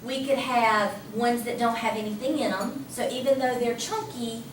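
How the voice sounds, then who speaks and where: High-voiced woman teaching in an echoey classroom. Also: normal speed. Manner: lively, conversational, asks the class questions. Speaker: math teacher. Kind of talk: classroom lecture. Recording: echoey classroom from a distance, faint hum.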